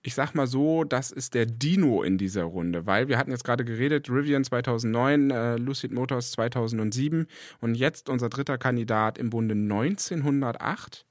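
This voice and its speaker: A man's voice: medium pitch, normal speed, no room sound, clean studio sound. A man co-hosting a casual podcast chat, conversational and playfully teasing. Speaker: podcast co-host.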